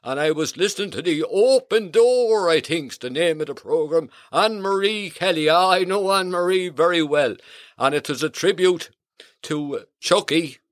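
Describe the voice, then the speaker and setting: A man's voice: fairly high pitch, normal speed, no room sound, clean studio sound, close to an everyday voice. A man playing jolly Claus. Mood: cheery. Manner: folksy, rambling, warm greetings, hearty ho-ho laughs. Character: jolly old Santa Claus, kindly, chatty. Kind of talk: in-character radio greetings.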